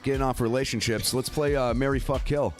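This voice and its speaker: A man's voice: medium pitch, fairly even intonation, a little fast, over loud music. A man hosting a casual podcast, talking in a loose, profane way and repeating himself as he goes. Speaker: podcast host. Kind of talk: casual chat.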